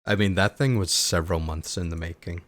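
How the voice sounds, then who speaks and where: A man co-hosting a casual podcast, chatting about video games and telling stories with lively acted-out quotes. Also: sits low, fairly quick, no room sound. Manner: chatty, animated storyteller who acts out quotes. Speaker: podcast co-host.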